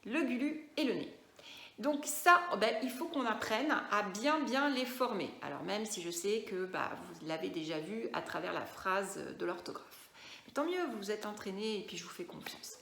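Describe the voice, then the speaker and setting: A woman teaching first-grade handwriting to young children, slowly sounding out letters and syllables with encouragement. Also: medium pitch, animated, gravelly, fairly bright tone. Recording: echoey room.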